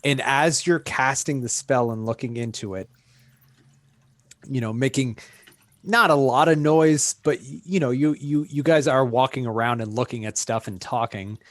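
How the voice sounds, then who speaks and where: A man narrating as game master, unhurried and full of fillers. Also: medium pitch, no echo.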